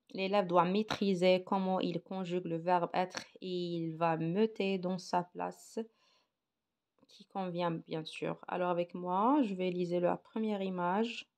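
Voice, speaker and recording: Mellow-voiced woman teaching grammar. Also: on the low side. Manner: hesitant, many fillers, switches between French and Arabic to explain. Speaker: primary school teacher. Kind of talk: recorded grammar lesson for children.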